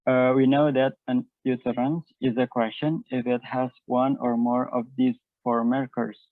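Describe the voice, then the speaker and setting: The clip is a class presentation by a young adult man with an Indonesian accent who reads notes, explains them, and alternates between two languages, hesitating with lots of fillers. He speaks flatly and without hurry at a medium pitch. The phone-like call audio is tinny and dry, with no echo.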